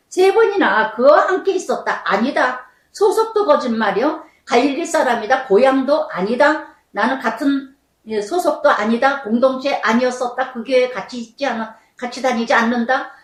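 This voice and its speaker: Older woman pastor preaching in an echoey hall. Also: high voice. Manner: storytelling testimony, acting out remembered quarrels with emotion. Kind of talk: sermon. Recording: echoey church hall, mic at a distance.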